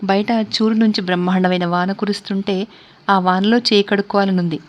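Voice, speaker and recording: A woman doing a quiet, modest young man. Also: medium pitch, steady tone, brisk, lo-fi sound, lightly acted. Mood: calm. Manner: mild and humble.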